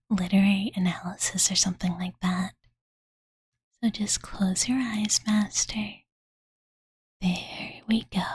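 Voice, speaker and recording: A woman performs an ASMR roleplay as a young dragon girl, affectionate and possessive, telling a bedtime story in a breathy, soft whisper close to a studio condenser mic, with no room sound and a medium pitch. Her mood starts smug and teasing, then turns tender and soothing. Throughout, she talks in a cozy, cutesy, casual, doting way packed with fillers.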